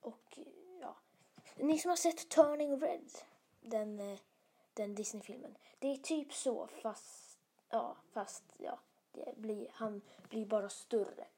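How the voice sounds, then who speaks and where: A woman telling an improvised bedtime story in a soft, often whispered voice, casual and hesitant with many fillers and restarts. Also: on the high side, slight background noise.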